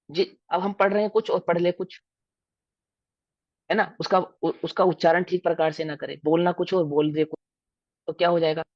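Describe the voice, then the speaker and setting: A man's voice: fairly high pitch, dry recording. Man, Hindi accent, religious lecture, question-and-answer teaching, dry, muffled recording. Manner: explanatory, asks the listeners questions and answers them. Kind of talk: scriptural lecture to a class.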